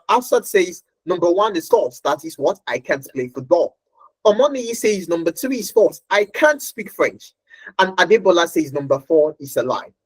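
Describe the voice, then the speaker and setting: A woman's voice: fairly low pitch, breathy edge, dry recording, rough recording. A woman teaching a live online training session from her home workstation, chatty and often laughing as she checks in with her class.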